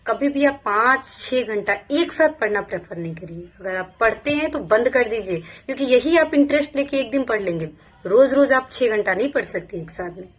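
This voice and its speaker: A young woman from Bihar, a police sub-inspector, giving casual, earnest study advice to exam aspirants and repeating her points as she goes. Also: a little high. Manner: earnest, repetitive, speaks in first-person plural.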